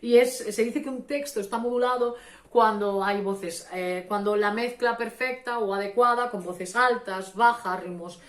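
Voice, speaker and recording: A woman with a Spanish accent talks through a theatre lesson in a loose, unscripted way. She hesitates often, restarts her phrases and fills gaps with "eh". Her voice sits at a middle pitch, and the room around her is roomy and echoey. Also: moderate pace. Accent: Spanish from Spain. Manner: hesitant, many fillers and restarts, explanatory. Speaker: theatre workshop instructor. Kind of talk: informal spoken lesson.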